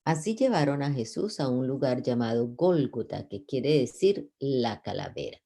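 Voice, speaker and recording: A man reads scripture aloud in a mellow, gravelly voice. He stumbles over words at times and goes back to correct himself, keeping a plain, unhurried tone. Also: medium pitch, animated. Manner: unpolished reading with slips and self-corrections. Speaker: Bible reader.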